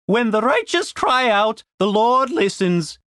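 Man putting on a formal wizard professor, measured and grand, raised lively voice. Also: high-pitched, no room sound, studio quality, pitched above the performer's own voice, full character voice. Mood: solemn. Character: scholarly wizard professor in robes.

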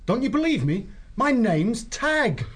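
A calm, reasonable otter warrior, played by a male narrator, raised in pitch with a lively rise and fall. He speaks plainly and evenly, a figure from an animal storybook. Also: a little slow, heavily acted. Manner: level, reasonable.

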